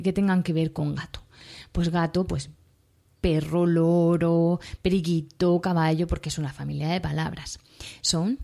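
A woman's voice: on the low side, darkish tone. Chatty Spanish woman explaining games. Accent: Spanish from Spain. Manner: chatty, explanatory, self-correcting. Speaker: teacher and podcast host. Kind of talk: casual educational podcast monologue.

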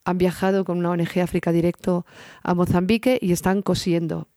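A woman interview guest describing a community project in an earnest way, slowing down on key phrases. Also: lowish voice, little pitch movement, mellow, no echo, studio quality. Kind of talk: conversational interview.

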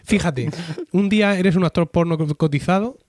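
A man's voice: high voice, moderate pace, darkish tone. A man co-hosting a casual podcast, chatting with wry, jokey asides. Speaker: podcast co-host. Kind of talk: casual chat.

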